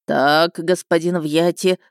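A woman's voice: low-pitched, steady tone, slow, no echo. A woman voicing a brusque elderly male healer who speaks in a dry, businesslike way.

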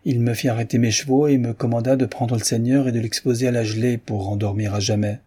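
A man's voice: mid-range voice, steady tone, fast talker, mellow, husky, lightly acted. A man reading aloud voices a guilty coachman who defends himself and pleads with his mistress. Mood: pleading. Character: guilty male coachman, fearful then defiant.

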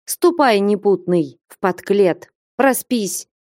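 Stern elderly merchant father, solemn and emphatic, mellow voice, read by a woman. Audiobook. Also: medium pitch, sing-song, measured pace, dry recording, clean studio sound. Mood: commanding.

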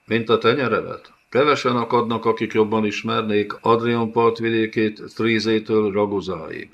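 A man's voice: lowish voice, steady tone, a bit bright, highs cut off. A man voicing a small, bald, crafty male prisoner who talks in a fawning, wheedling way.

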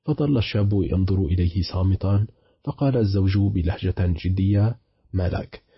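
A man narrating a short story for an audiobook in a measured, dramatic storytelling manner. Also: low voice, slightly rough, no room sound, lo-fi sound.

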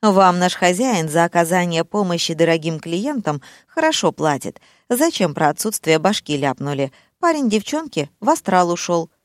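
Woman doing a gruff, deadpan male worker. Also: on the low side, normal speed, few pauses, dry recording, clean studio sound. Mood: irritated. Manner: flat and dismissive. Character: gruff, unflappable male staff worker with a deep baritone.

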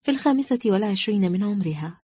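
A woman narrating a story in a calm, measured reading style. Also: mid-range voice, breathy edge, no room sound, clean studio sound.

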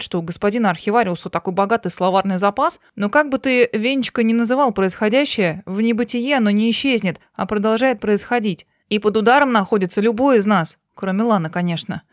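A woman voicing a gruff, sullen grown man who grumbles and speaks sarcastically. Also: medium pitch, dry recording, studio quality, close to an everyday voice.

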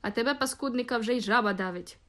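A woman's voice: a little high, quick pace, a bit bright, lightly acted. A woman reading an audiobook voices Grandpa James, an old man who scolds a young one. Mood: chiding. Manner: chiding, gruff.

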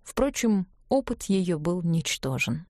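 A woman reading an audiobook in a calm, measured narration. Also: lowish voice, dry recording, studio quality.

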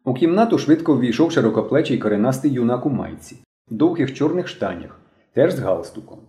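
A man's voice: mid-range voice, fairly quick. A man narrating a children's adventure novel as an audiobook, telling it expressively. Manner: expressive storytelling. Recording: roomy echo.

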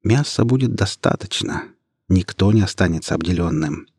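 A man voicing a young woman, a budding witch, speaking calmly, coldly and firmly in an audiobook. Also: low-pitched, normal speed, husky, no echo, studio quality, exaggerated voice. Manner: calm, cold and firm.

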